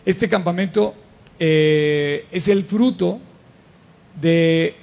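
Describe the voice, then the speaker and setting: A middle-aged man preaching a lively sermon to a live congregation, asking the crowd questions as he goes. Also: high voice, drawn-out words, creaky, in a large hall. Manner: animated and conversational, addresses the audience with questions. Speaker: pastor.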